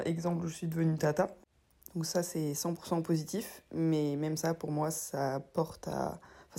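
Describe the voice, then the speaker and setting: A young woman with a hoarse, honking voice after being ill, talking casually and hesitantly about herself as a solo podcast host. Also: deep voice, warm tone. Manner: hesitant, rambling, self-deprecating. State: hoarse with a lingering cough after illness. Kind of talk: casual confessional solo talk.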